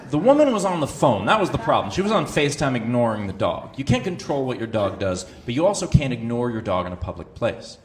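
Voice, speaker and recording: A man telling a comic story on stage, switching between quiet asides and loud outbursts. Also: medium pitch, big pitch swings, quick pace, few pauses, roomy sound, crowd noise. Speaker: stand-up comedian. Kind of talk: stand-up storytelling. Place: comedy stage before a live audience.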